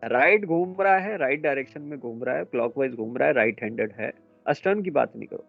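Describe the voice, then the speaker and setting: A man lecturing students in a classroom, brisk and a little scolding as he quizzes them. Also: medium pitch, lively intonation, creaky, phone-quality sound, faint music behind. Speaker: instructor.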